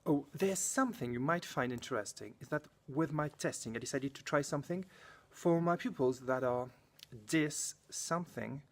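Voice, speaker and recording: A French science teacher chats casually to camera in his school lab, his voice on the high side and his pace normal. In this vlog-style talk he often hunts for English words and corrects himself.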